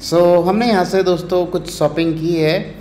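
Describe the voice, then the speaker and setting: A travel vlogger from India strolls through a busy night market outdoors, narrating casually to viewers in chatty Hindi full of fillers and English words. His voice is high and mellow with fairly even intonation at a normal speed. The street sounds echoey, with faint ambience and slight background noise.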